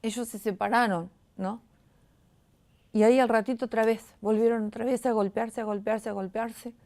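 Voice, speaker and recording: A middle-aged woman with a Rioplatense Spanish accent gives an emotional testimony in a gravelly voice. Her tone is dark and mellow, and her pitch sits a little high. She talks haltingly and keeps breaking off to restart. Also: steady tone. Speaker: guest giving testimony.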